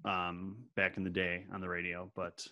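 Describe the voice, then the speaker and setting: A man's voice: deep voice, moderate pace, dull audio. A man co-hosting a podcast, telling rambling stories in casual chat. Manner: rambling, animated storytelling. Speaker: podcast co-host.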